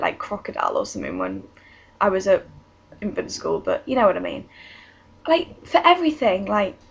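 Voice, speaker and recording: Teen girl vlogger, fairly high, husky voice, chatty and exasperated. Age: teens. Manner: exasperated, chatty, many restarts and "like". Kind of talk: casual ranting vlog. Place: bedroom at home.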